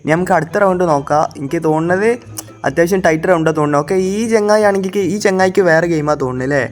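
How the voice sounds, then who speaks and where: A man's voice: on the high side, racing, soft background music. A man gives chatty gameplay commentary, talking to his viewers and often correcting himself mid-sentence. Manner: chatty, addresses viewers, frequent self-corrections. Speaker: gaming video creator.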